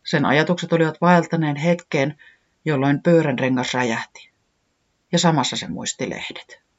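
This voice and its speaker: A storyteller reading a children's story aloud in a gentle, measured way, in a dull lo-fi recording. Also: mid-range voice.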